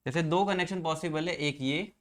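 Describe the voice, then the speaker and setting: In a classroom lecture on circuits, a man with a fairly high voice works through the material step by step at a moderate pace, quizzing the class as he proceeds.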